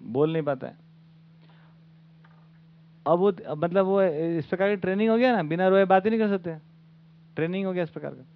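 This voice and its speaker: A man's voice: high voice, normal speed, long pauses, a little hiss or hum. A man giving an informal talk as the teacher of a study camp, often asking his audience rhetorical questions. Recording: phone-like lo-fi recording.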